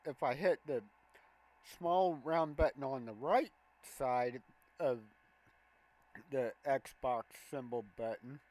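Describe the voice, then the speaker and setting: A man hosting a gameplay walkthrough, calmly explaining each button press step by step. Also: medium pitch, rough recording. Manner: slow, plain step-by-step explaining of controls. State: has the hiccups. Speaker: gameplay video host.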